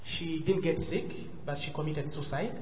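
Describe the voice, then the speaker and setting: A male guest speaker from Zambia and Malawi, with a southern African accent, gives personal testimony live before a congregation in a large church hall. His voice is on the high side, a little mellow, at normal speed, courteous and hesitant, in an echoey room with faint noise.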